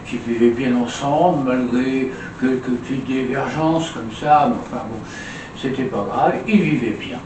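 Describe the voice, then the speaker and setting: Un homme conteur, à la voix de hauteur moyenne, qui cherche ses mots et se répète volontiers. On l'entend de loin, dans une pièce à l'écho marqué. Un bruit d'ambiance bien présent reste en fond. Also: male voice, medium pitch, unhurried. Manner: hesitant, with many fillers and repeats. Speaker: storyteller. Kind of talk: spoken storytelling. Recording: roomy, distant mic, ambient noise.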